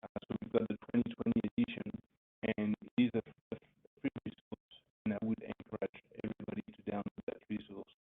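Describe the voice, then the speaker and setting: A man presenting a business webinar over an office phone whose audio keeps breaking up, talking haltingly with fillers. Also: lowish voice, level tone, husky, phone-quality sound, soft background music. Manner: halting, with many fillers and restarts. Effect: choppy phone audio breaking up.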